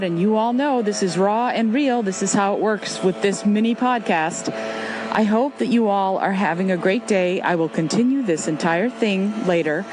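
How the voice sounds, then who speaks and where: A middle-aged woman hosting a solo podcast outdoors, talking conversationally and telling her story emphatically and deliberately. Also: medium pitch. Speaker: podcast host. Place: outdoors with passing cars and machinery. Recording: faint traffic and machine noise outdoors.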